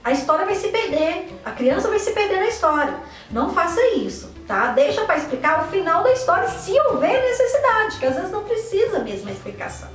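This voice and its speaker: A woman's voice: extremely high pitch, sing-song, a little fast, a bit bright, echoey room, recorded from a distance, faint music behind. A Brazilian woman, a teacher, giving an online lesson to parents and teachers, posing questions and answering them herself, with frequent checks like "right?". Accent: Brazilian Portuguese. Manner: didactic, asks and answers her own questions, frequent "né?" and "tá?". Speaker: teacher and educator.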